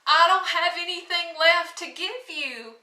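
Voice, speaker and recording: A woman's voice: very high voice, measured pace, sharp tone, voice pushed up, full character voice. A woman voicing a frightened young woman who becomes queen, stammering and pleading. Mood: anxious. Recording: echoey room, mic at a distance.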